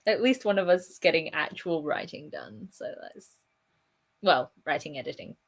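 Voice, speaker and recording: A woman's voice: deep voice, animated, normal speed. A young woman co-hosting a writing stream, chatting casually and laughing often, with lots of "like". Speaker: co-host. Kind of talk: casual chat during writing sprint.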